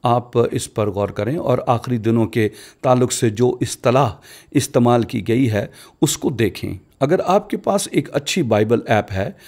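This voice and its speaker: A man with a mellow, warm voice at a middle pitch delivers a dubbed sermon voice-over. He explains each point in a measured, teaching manner, posing questions and answering them. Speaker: preacher voice-over.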